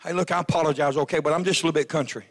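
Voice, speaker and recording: A man preaching at a revival, fervent and often shouting, with a stutter and sudden quieter passages. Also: a little high, fairly even intonation, very fast, creaky.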